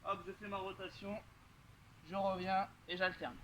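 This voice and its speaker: A man's voice: high-pitched, little pitch movement, normal speed, poor audio. A man coaching a home workout, explaining exercises as he demonstrates them and often checking in with "d'accord?". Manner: talks while moving through exercises, loud bursts on effort; frequent "d'accord?" checks and fillers. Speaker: fitness coach. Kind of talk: workout instruction while demonstrating. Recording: loud background noise.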